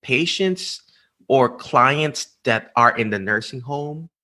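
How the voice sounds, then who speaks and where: A man's voice: medium pitch, animated, slow, bright, forceful tone. A man from the Philippines with a Filipino accent, hosting a live-stream interview and asking emphatic rhetorical questions. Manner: repeats words, speaks with emphatic rhetorical questions. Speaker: host.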